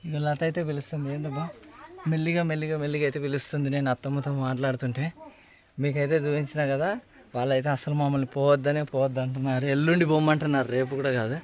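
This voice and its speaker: A man, chatting casually with family on his vlog and gently consoling his sister. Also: fairly high pitch, flat delivery, quick pace. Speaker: vlogger.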